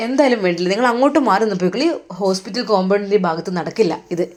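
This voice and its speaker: A woman's voice: medium pitch, rapid-fire, a little mellow. A woman with a Malappuram Malayalam accent narrating an Islamic family story and voicing all of its characters herself. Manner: voices every character herself, shifting between narration and dialogue.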